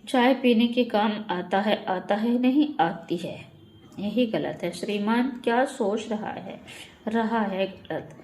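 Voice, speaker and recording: A woman's voice: mid-range voice, slow pace, a little mellow. A woman teaching Hindi grammar in a methodical way, reading each sentence and then correcting it. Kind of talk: online exam-prep lesson.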